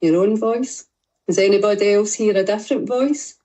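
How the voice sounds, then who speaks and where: A woman's voice: mid-range voice, normal speed, mellow. A woman with a Scottish accent coaching a group on a video call, speaking directly and reassuringly as she guides exercises. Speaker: fitness and mindset coach.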